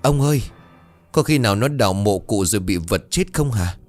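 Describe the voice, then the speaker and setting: A man's voice: expressive, normal speed, a little mellow, no echo, lightly acted. A man voicing terrified young male household servants who cry out in panic. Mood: timid. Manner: panicked, shrill cries.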